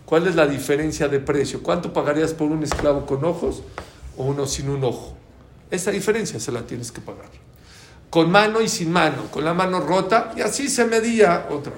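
Man, Talmud class teacher, slightly high voice, roomy echo. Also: moderate pace, a little hiss or hum. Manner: animated, asks the audience questions. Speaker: Torah teacher. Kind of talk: Talmud class for a live audience. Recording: roomy room with faint ambience.

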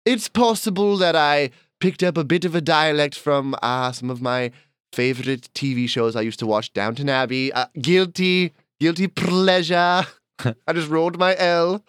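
A man's voice: on the high side, fairly even intonation, moderate pace, fairly bright tone, clear, resonant tone, dry recording, studio quality, natural voice. A man voicing a pompous noble male llama lord with an affected posh accent, guest-hosting a comedy podcast. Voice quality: affected posh British-ish put-on accent, grandiose. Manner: pompous, rambling, theatrical. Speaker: guest host. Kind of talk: improvised comedy podcast character.

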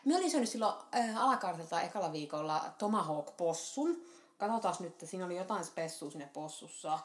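A woman co-host in casual conversation, recorded with a roomy echo. She chats freely and hesitates often. She corrects herself and trails off into quiet asides. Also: fairly low pitch, expressive. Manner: chatty, hesitant, self-correcting, drops to asides. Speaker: podcast co-host. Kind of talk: casual chat reviewing a restaurant meal.

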